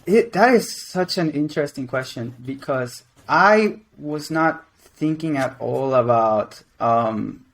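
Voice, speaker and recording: This man talks slowly with a creaky, fairly bright, medium-pitched voice and lively intonation. He is a Venezuelan-Mexican creative director of games in his twenties, giving loose, rambling interview answers packed with restarts and fillers.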